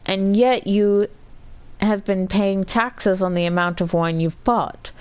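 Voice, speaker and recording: A woman's voice: medium pitch, steady tone, takes it slowly, smooth, lightly acted, poor audio. A woman reading a stern, probing judge. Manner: pointed, probing questions. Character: stern judge questioning a fraud suspect.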